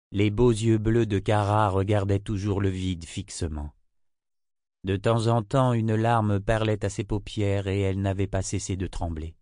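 A man narrating a fantasy novel in a steady, even reading voice. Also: fairly low pitch, no echo, studio quality. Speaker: audiobook narrator.

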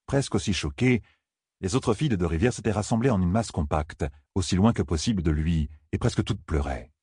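Very deep, husky male narrator. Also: animated, brisk, mellow, no echo, studio quality. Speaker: audiobook narrator. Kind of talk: scripted narration of a fantasy novel.

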